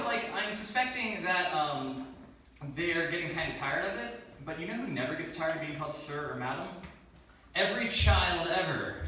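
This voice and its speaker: Young man doing stand-up, lively pitch. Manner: storytelling with playful voiced asides. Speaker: stand-up comedian. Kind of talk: stand-up set. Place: live comedy venue with audience. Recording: distant roomy live recording, audience noise.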